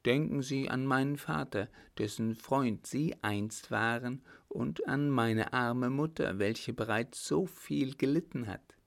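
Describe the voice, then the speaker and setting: A man's voice: medium pitch, slow pace, creaky, hardly any pauses, pitched above the performer's own voice. A man putting on a trembling young noblewoman. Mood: pleading. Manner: trembling, imploring. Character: young noblewoman, frightened, pleading, defiant.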